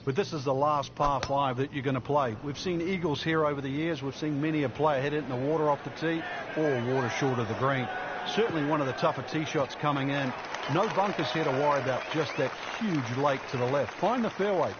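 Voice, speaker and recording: A man working as a golf commentator and analyst, explaining the course in a measured way. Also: a little high. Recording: dull audio, loud crowd and outdoor noise. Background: golf crowd and outdoor ambience.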